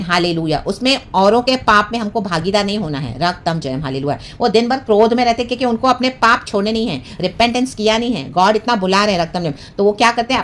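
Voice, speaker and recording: A woman preaching a devotional sermon, mixing English phrases and often repeating hallelujah and amen. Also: medium pitch. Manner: fervent, peppered with hallelujah and amen.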